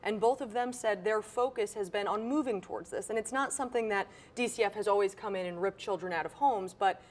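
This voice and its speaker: A woman reporter talks through her story in a studio debrief. She sounds earnest and explains things plainly at a medium pitch. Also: a little fast.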